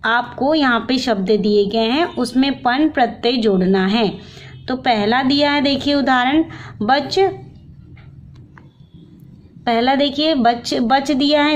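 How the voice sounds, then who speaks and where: Slow-reading woman teacher, high voice. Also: slight background noise. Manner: slow and deliberate, reading answers aloud to children. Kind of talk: textbook question-and-answer lesson.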